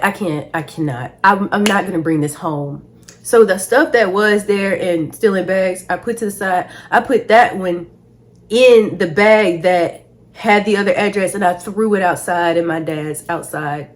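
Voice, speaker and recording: A young woman vlogger telling a casual storytime in a slangy, animated way, laughing often. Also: mid-range voice.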